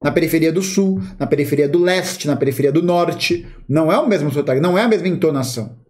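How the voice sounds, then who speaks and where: A man from São Paulo with a Paulista accent, co-hosting a podcast and talking in a casual, slangy, animated way. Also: on the high side, quick pace. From São Paulo, Brazil. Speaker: podcast co-host. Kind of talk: casual discussion.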